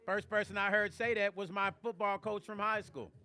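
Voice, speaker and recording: A man's voice: high voice, little pitch movement, moderate pace, bright, forceful tone, faint music behind. An older man hosting a casual livestream, talking emotionally and rambling to viewers on a close studio mic. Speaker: vlog host.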